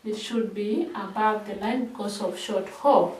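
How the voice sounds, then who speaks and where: A woman's voice: mid-range voice, a little mellow. A woman from Kenya teaching a shorthand class, repeating each word again and again as she drills it. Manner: slow, repeating words in drills. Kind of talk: classroom lesson. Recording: echoey room, mic at a distance.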